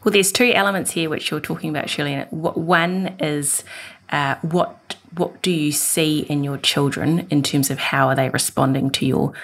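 A woman host with a low voice and a gravelly fry shares stories about her toddler in an open, chatty way. She talks easily and candidly. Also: fairly even intonation, normal speed, fairly bright tone. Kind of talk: casual chat.

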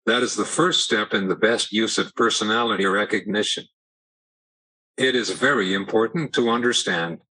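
A man in his seventies answering interview questions through a computer text-to-speech voice, with steady, even delivery. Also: on the low side, breathy edge, poor audio. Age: 70s. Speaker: podcast guest, sales trainer. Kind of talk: pre-programmed answers read out by a speech device.

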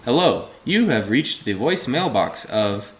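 A man's voice: medium pitch, measured pace. Give me a man mimicking a stiff robot voicemail voice. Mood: robotic. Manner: flat, stiff mock-robotic delivery. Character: male automated voicemail robot voice. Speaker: podcast co-host.

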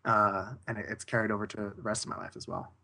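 A man's voice: lowish voice, flat delivery, fast, creaky, bright, forceful tone. A man talking casually as an interview guest, rambling and correcting himself as he goes. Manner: rambling, self-correcting, with frequent restarts.

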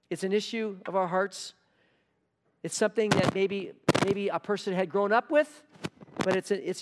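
An earnest male pastor delivers a sermon, stressing key words and repeating them for emphasis. His slightly high voice carries a long reverb through a church hall, with a little background noise.

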